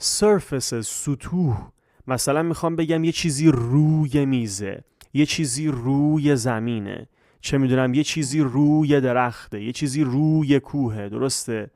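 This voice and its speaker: A man's voice: mid-range voice, dark tone, no room sound. Male English tutor with a Persian accent, patient explainer, dry close recording. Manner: repeats check questions, slows down for English examples. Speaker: English teacher. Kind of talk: grammar lesson in Persian.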